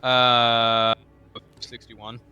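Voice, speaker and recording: A man's voice: mid-range voice, completely flat delivery, very slow, bright, forceful tone, clean tone, highs cut off, faint music behind. A man chatting casually as a player in a tabletop role-playing game.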